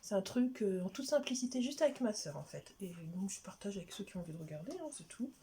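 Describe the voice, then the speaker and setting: Here a beauty vlogger unboxes beauty products, chatting in a warm, animated, mid-range voice at a quick pace. She rambles and breaks into her own sentences, occasionally sinking to a near-whisper.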